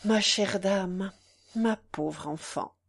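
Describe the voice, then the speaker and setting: A woman reading the part of a gentle young gentleman who soothes a weeping lover before a duel, in a slow, tender manner. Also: medium pitch, animated.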